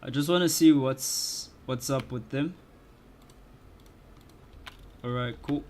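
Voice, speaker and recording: A man's voice: mid-range voice, moderate pace, darkish tone. A young man commenting casually on his game playthrough in laid-back slang. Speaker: gaming streamer. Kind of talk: casual let's-play commentary.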